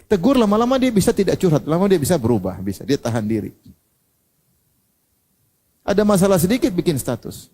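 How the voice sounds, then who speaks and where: A male preacher delivers a sermon with a slightly raised pitch. His tone is warm and mellow. He keeps it light with humor and rhetorical questions. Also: sing-song, fairly quick, pauses often. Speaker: Islamic preacher.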